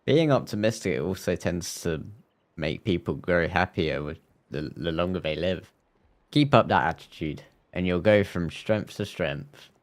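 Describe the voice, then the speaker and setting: Over game music, a male live streamer reads game dialogue aloud at a measured pace, adding joking comments and occasionally stumbling over lines. His voice is low, with lively intonation.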